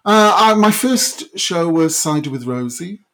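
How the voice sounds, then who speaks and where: A man's voice: on the high side, animated, measured pace, a bit bright. Middle-aged man with a Welsh Valleys accent. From South Wales Valleys. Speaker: interview guest. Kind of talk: reflective conversational interview.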